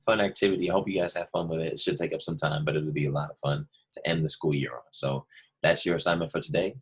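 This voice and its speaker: Low husky-voiced male teacher. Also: fairly even intonation, fast talker. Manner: patient, explains step by step, repeats points. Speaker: second grade teacher. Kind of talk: remote lesson walkthrough.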